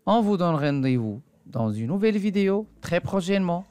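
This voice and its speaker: A woman teaching a reading lesson to a young child, speaking slowly and carefully and repeating each point. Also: fairly low pitch, big pitch swings, dark tone, no echo. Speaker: primary school teacher.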